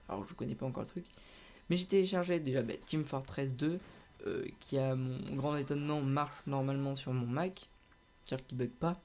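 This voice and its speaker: A man's voice: mid-range voice, darkish tone, a little hiss or hum. A young man chatting casually over his gameplay, rambling with lots of hesitations and restarts. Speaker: gaming channel host.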